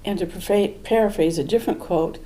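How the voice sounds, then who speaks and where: A woman's voice: medium pitch, a little fast, dark tone, low-quality recording. An older woman telling a true story at a live event, in an earnest, reflective way. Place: small museum event room.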